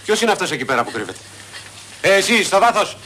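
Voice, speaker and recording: Flustered bossy cop in an old comedy film, high lively bright voice. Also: male voice, a little hiss or hum, exaggerated voice. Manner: hurried, commanding, repetitive urging. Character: fussy police officer, harried and bossy. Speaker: police officer. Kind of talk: 1980s film comedy acting.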